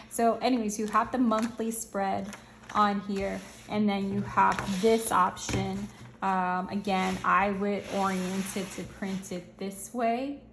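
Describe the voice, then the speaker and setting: A woman channel host gives a casual walkthrough review of planners, chatty, upbeat and slangy, thinking aloud as she goes. She's losing her voice, so it sounds slightly hoarse and fraying, with a medium pitch and a steady, flat delivery. The room is echoey, with slight background noise.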